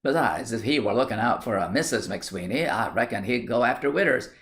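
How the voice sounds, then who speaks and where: A man's voice: medium pitch, expressive, fairly quick, fairly bright tone. A man reading aloud and voicing a blunt, good-natured young village lad with broad rustic country speech and a joking manner. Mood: dismissive.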